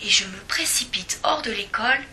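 A woman reading a children's storybook aloud in a lively, expressive way. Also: mid-range voice, normal speed, a little hiss or hum.

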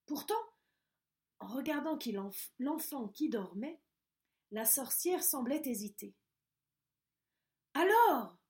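A woman reading a children's story aloud in a gentle voice, often dropping to a soft hush. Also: fairly high pitch, lively intonation, measured pace, pauses often.

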